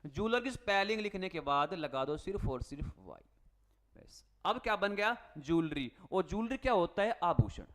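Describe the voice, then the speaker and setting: Guy teaching spelling, kinda high voice, spells out letters, asks the class stuff then answers it himself, calls them beta. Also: sing-song, normal speed, a bit bright. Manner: calls students "beta" and "bhai" in a friendly coaching tone. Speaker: English teacher. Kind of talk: Hindi-language spelling lesson for exam students.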